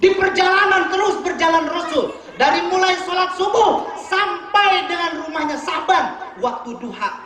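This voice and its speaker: A man, preaching a storytelling sermon at a community gathering, swinging between loud and hushed delivery. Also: extremely high pitch, echoey room, low-quality recording. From West Java.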